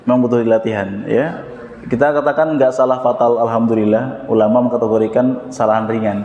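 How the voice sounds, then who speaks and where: A man's voice: medium pitch, fairly even intonation, a little fast, muffled recording, noisy background. A man teaching Quran recitation with an Indonesian Jakarta accent, patiently modeling each sound and having students repeat it. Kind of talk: tajwid lesson with call-and-response drills. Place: prayer hall. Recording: echoey hall, reverb.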